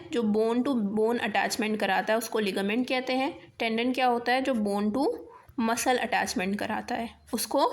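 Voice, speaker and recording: A woman teaching a vocabulary lesson in speech, dictating word pairs slowly and checking in with the class. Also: fairly high pitch. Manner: slow careful dictation of word pairs, frequent rising checks.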